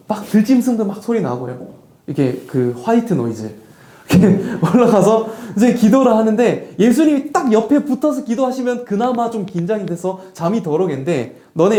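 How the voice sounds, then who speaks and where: Lively preacher with a big pitch swing. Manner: lively and conversational, asks the room questions and answers them. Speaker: pastor. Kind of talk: sermon to a youth congregation. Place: church hall. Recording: echoey church hall.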